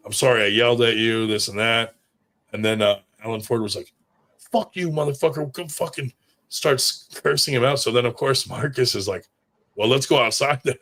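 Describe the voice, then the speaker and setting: Here the storyteller's voice is medium in pitch and a bit bright. He rambles through casual tales, cursing freely and packing in plenty of fillers.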